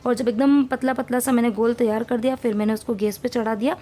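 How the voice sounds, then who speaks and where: Chatty woman vlogger with a mellow voice. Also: fairly high pitch, fairly even intonation, fast talker. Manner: chatty, rambling, homely cooking talk. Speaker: family vlogger. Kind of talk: casual vlog narration.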